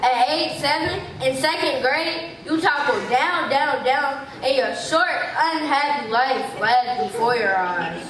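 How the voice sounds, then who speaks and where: A woman's voice: high-pitched, expressive, takes it slowly, few pauses, a crowd in the background. Mock-solemn young woman narrator on stage. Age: young adult. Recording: echoey auditorium from far off, audience noise.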